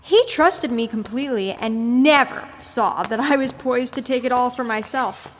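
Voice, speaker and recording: An actress voices a smug, sarcastic female supervillain in an audio drama, speaking a little high at a moderate pace with a lightly acted delivery. She gloats in a mocking, theatrical way and makes breezy threats, heard through long echoing reverb and faint noise.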